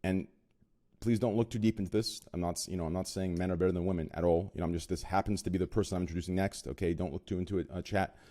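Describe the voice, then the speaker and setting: A podcast host with a low, dark voice and steady tone talks in rapid-fire fashion during a casual chat. He introduces his guests with rambling, self-conscious jokes and plenty of fillers.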